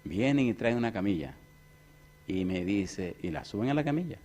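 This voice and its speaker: A male pastor preaching a sermon through a lively, joking personal anecdote, acting out the other people in it. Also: on the low side, moderate pace, a little hiss or hum. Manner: lively, jokey anecdote-telling; acts out other people's voices. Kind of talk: storytelling sermon.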